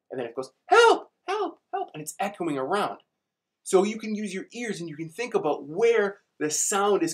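A young man with a slightly high voice teaches an online space class for kids live at a whiteboard. As their science teacher, he's chatty and playful and grounds big ideas in everyday examples.

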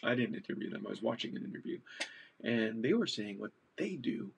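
A man's voice: fairly low pitch, very animated, a little fast, vocal fry, highs cut off, a little hiss or hum. A man from Canada giving casual advice to camera in a chatty, digressive way, laughing at himself now and then.

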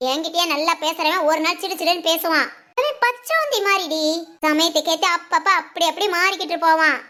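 A woman's voice: very high-pitched, bright, forceful tone. A woman voicing a bitter, scheming older mother-in-law in a cartoon family drama, who grumbles and hurls insults. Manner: grumbling, scolding lament, full of village insults. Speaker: cartoon voice actor.

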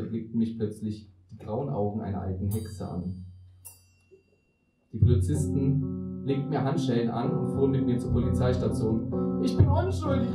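A man's voice: mid-range voice, warm tone. Young man reading aloud in an echoey hall. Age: young adult. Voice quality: theatrical, shifting between narration and acted dialogue. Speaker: author reading his own story. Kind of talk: live reading of a comic story. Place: reading venue with tables, live audience. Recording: echoey room from a distance, guitar behind.

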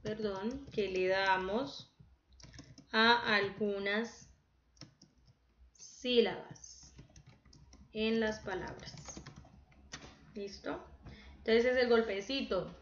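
A woman teacher giving an online class, speaking slowly and patiently and counting syllables aloud. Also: medium pitch, echoey room, lo-fi sound, a little hiss or hum.

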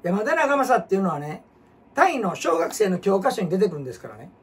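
A man with a Kansai accent, hosting a casual history talk as an animated storyteller who jumps between topics and asks rhetorical questions. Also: sits high, brisk. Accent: Kansai Japanese. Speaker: host. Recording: husky voice from far off the mic.

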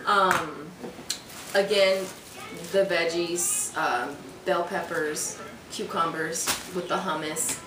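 Speaking slowly in a low, steady voice, a young woman vlogs about meal prep from her home kitchen. She's a fitness vlogger, chatting casually with many fillers and restarts. The sound, captured by a camera a few feet away on the counter, is distant, roomy and noisy.

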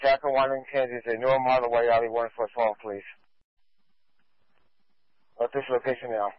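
A male police officer calling in a car pursuit over a police radio, in clipped, halting reports with many fillers. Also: medium pitch, flat delivery, no room sound. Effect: police radio transmission. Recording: muffled dry radio audio.

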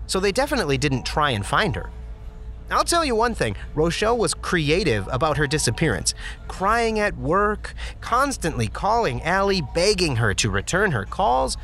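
In an audio drama interview monologue, an actor gives a full character voice as Andy, a goofy, pun-loving office worker who chats, jokes and laughs at his own puns. The voice is fairly high and sharp-toned.

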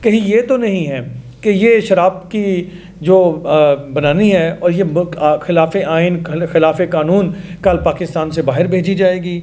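Earnest Pakistani man with mellow voice. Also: high-pitched, a little slow. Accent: Pakistani Urdu. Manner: earnest, appealing, gestures with his hands. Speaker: news commentator. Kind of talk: commentary to camera. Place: studio.

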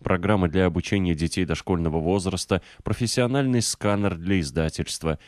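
An audiobook narrator with a low, deep, darkish voice reads from a script in a measured, clearly articulated way. The recording is dry, with very little to no room sound.

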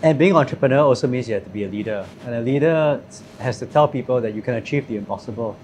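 A man in his thirties speaking in a thoughtful, measured way with fillers, interviewed at a restaurant table. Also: mid-range voice, a little mellow, a little hiss or hum. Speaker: company CEO. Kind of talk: interview conversation.

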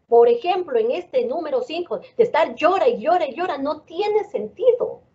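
Ecuadorian woman, higher voice, earnest counselor-type talk to parents, muffled lo-fi audio. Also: a little mellow. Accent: Ecuadorian Spanish. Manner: earnest, repetitive, lecturing with rhetorical questions. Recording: dull lo-fi sound.

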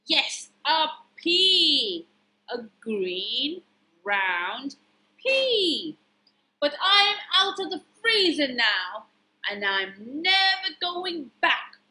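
Brief: woman doing a scheming storybook pea villain, high, bright, slow and gloating. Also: very animated, roomy sound, heavily acted. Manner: drawn-out gloating with an evil laugh. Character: evil little green pea villain, gleeful and scheming.

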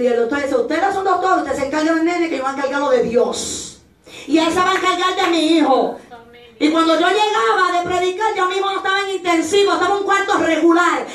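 A woman evangelist giving an impassioned Pentecostal sermon, rising to shouts at times and acting out the voices of others. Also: very high-pitched. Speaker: evangelist preacher. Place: church. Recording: echoey church hall, mic at a distance.

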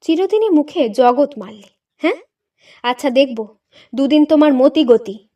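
A woman's voice: high-pitched, animated, measured pace, dull audio. Woman doing a scolding suspicious old wife. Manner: sharp, scolding, accusing. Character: irritable suspicious elderly Bengali wife.

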